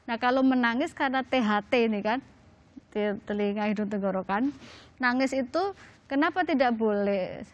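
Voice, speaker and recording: A woman's voice: on the high side, normal speed, dull audio. Chatty woman religious teacher. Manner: chatty, laughs often, many fillers and restarts. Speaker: Islamic religious teacher, guest. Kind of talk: casual religious talk-show answer.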